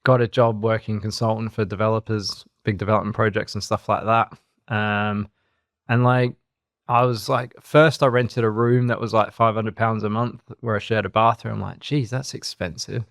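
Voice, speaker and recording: A man in his thirties with an Australian accent, co-hosting a podcast and telling his story in a relaxed, rambling way. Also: fairly low pitch, moderate pace, creaky, dry recording, clean studio sound. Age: 30s. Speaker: co-host. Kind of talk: casual podcast chat.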